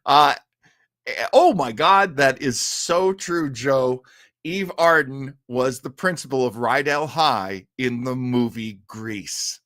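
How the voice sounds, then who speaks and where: Slow-paced and medium in pitch, his slightly bright voice comes through clean studio sound with no room echo. He's a middle-aged live-stream host of an old-time radio show, casually chatting and reading out viewer comments, enthusiastic and rambling with many hesitations.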